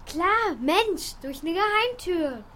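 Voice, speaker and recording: A woman's voice: very high-pitched, animated, takes it slowly, a bit bright, heavily acted. A woman voicing an eager, impatient young girl in a radio play who keeps pressing for more of the story. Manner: impatient, breathless questions. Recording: noisy old recording with clicks.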